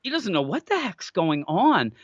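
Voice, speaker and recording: A man co-hosting a casual comic book review chat, animated and acting out character lines in quick voices. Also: high voice, no room sound, dull audio. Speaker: comic book podcast co-host.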